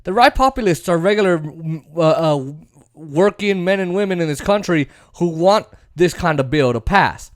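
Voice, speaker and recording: A man giving casual political commentary in a sarcastic, excitable way, often drifting into mocking asides. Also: on the high side, normal speed, dry recording, clean studio sound.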